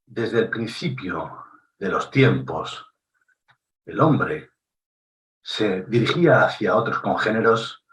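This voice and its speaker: A man with a Spanish accent from Spain giving an instructive talk on public speaking, deliberate and emphatic, using pauses and shifting intonation for effect. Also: on the low side, animated, a bit bright. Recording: roomy echo, somewhat distant mic.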